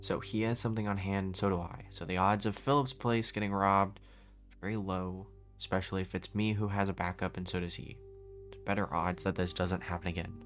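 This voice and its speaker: A man's voice: low voice, level tone, fairly quick, soft background music, lightly acted. A man voicing a weary male leader in a casual voice-acted roleplay, reasoning aloud and restarting his sentences. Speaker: roleplay lead.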